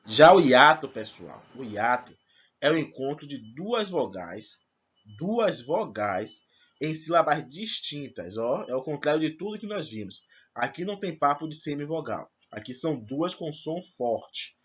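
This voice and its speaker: Husky-voiced male teacher, dull recording. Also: fairly high pitch, sing-song, a little slow. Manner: explains step by step, checks in with "certo?" and "tá bom?". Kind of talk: recorded remote class lesson.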